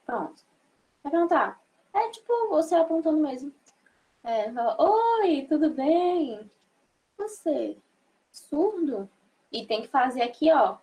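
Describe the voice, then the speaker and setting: A woman's voice: fairly high pitch, darkish tone. A young woman from Brazil teaching a sign language class online, explaining step by step and checking in with her students often. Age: young adult. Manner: slow, patient, frequent check-ins with the class.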